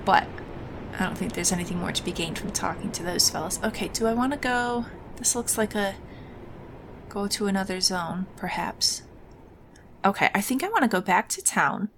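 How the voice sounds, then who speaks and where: A woman's voice: medium pitch, moderate pace, background noise. A woman hosting a casual let's play, musing aloud informally as she comments on the game. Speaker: gaming host.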